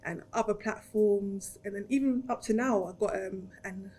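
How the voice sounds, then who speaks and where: A woman's voice: medium pitch, moderate pace, dark tone. A woman in her thirties with a London accent, chatting in an interview and acting out her own past words as she tells the story. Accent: London English. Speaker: interviewee, graduate. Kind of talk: casual interview chat.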